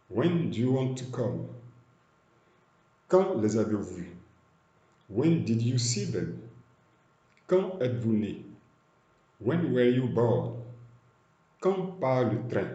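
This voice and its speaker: Slow, deliberate man teaching English. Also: on the low side, a little mellow, echoey room. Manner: slow, deliberate, repeats each phrase in two languages. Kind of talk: slow bilingual language lesson.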